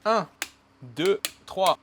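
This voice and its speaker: A man's voice: sits high, animated, drawn-out words, background noise. A man talking to himself as he works on an engine, muttering and cursing at himself. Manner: muttering, swearing, self-mocking. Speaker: mechanic vlogger. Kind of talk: talking to himself while working. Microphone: camera mic from a distance.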